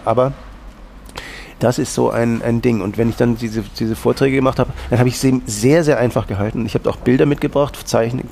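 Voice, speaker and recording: Austrian man, gravelly voice, rambling interview guest, faint hiss behind. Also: mid-range voice, dark tone. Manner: rambling and anecdotal, with many restarts. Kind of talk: casual interview talk.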